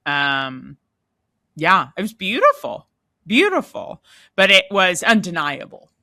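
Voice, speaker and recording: A woman's voice: fairly low pitch, huge pitch swings, slow, sharp tone, no room sound, studio quality. A woman hosting a podcast, talking in a casual, earnest and reflective way that trails off mid-thought. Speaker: podcast host. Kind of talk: casual chat.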